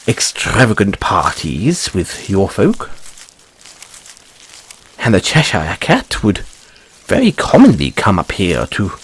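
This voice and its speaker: Guy doing a fussy curious rabbit boy for fantasy roleplay, super swoopy pitch, husky, polite and stammery. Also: full character voice, poor audio. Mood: wistful. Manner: flustered stammering, ornate courteous phrasing. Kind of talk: audio roleplay addressed to the listener.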